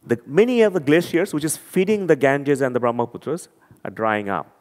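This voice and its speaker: A conference speaker from Bangladesh, with a Bangladeshi accent and a slightly mellow mid-range voice, talks fairly quickly to an audience. His delivery is earnest and emphatic, often repeating words as he finds them, and a long hall reverb is audible.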